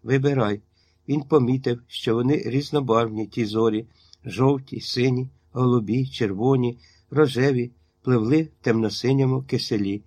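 Guy reading a story audiobook style, steady, mid pitch, dry sound. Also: normal speed, no room sound. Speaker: reader. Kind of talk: audiobook narration.

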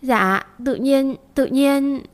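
A woman voicing a timid, sweet four-year-old girl who mumbles softly. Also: high-pitched, very slow, voice pushed up. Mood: timid childish. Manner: soft, mumbling childish talk.

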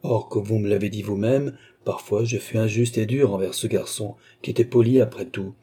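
A man reading an audiobook, voicing a gentle, devoted young noble lady in a softly lifted voice. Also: fairly low pitch, moderate pace, slightly rough. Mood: tender.

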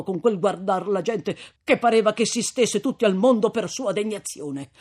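A man's voice: fairly high pitch, breathy edge. A man reading an audiobook voices an older, timid, gossipy village priest who chuckles, gloats and rambles with hesitations.

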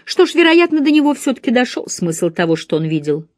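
A woman voicing a shrewd, calm elderly woman sleuth who speaks in a measured, thoughtful way, in an audiobook reading. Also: a little high, dry recording, clean studio sound, voice pushed up.

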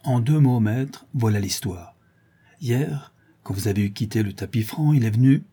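A man voicing a rough, loyal Parisian ex-brawler who rambles in street slang. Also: medium pitch, normal speed, warm tone. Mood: confiding.

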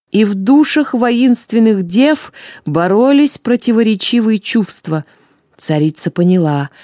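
A woman reading a dramatic story as narrator, expressive and measured. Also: medium pitch, dry recording, clean studio sound.

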